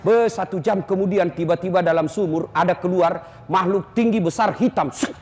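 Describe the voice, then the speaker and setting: A man's voice: high voice, normal speed, a little mellow. A male preacher, giving a comic sermon full of teasing jokes aimed straight at the crowd. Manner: teasing, jokey preaching with direct address to the crowd. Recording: echoey hall, faint hum.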